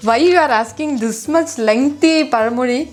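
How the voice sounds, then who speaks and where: A woman's voice: high-pitched, very fast. A woman with a Tamil accent in casual, bantering chat as a challenge co-host, mixing Tamil and English.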